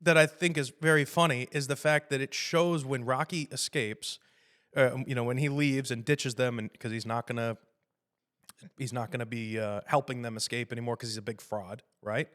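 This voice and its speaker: A man hosting a casual podcast about film, talking with loose, rambling energy. He swears freely, gets animated and laughs along with his own stories. His voice sits in an ordinary middle pitch. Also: moderate pace. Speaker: podcast host.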